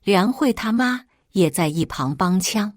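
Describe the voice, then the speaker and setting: A woman narrating a dramatic first-person family story in an expressive storytelling manner. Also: mid-range voice, measured pace, no echo, studio quality.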